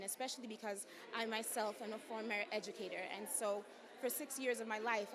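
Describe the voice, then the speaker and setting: Woman from jamaica and the us doing interview answers, polished and loud, people talking behind. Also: a little high. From Jamaica and the United States. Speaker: beauty pageant contestant. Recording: crowd chatter behind.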